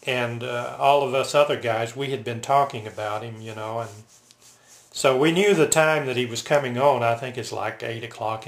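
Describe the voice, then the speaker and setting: An older man telling personal stories casually, in a halting, reflective, unscripted way. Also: mid-range voice, a bit bright. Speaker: military veteran reminiscing. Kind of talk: casual personal storytelling to camera. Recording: roomy, echoing home recording.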